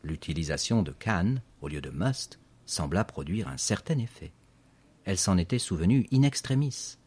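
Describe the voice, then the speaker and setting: A man narrating a children's story with expressive, lively storytelling. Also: deep voice, normal speed, husky. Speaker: audiobook narrator.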